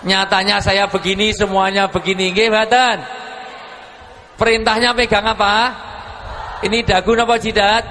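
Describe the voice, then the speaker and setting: A man's voice: high voice, level tone, normal speed, pauses often, sharp tone, long reverb tail, a little hiss or hum. A man with a Javanese accent preaching to a crowd, joking and teasing them with call-and-response as he mixes Indonesian and Javanese. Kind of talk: lively religious lecture to a village crowd. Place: large venue with live audience, amplified PA.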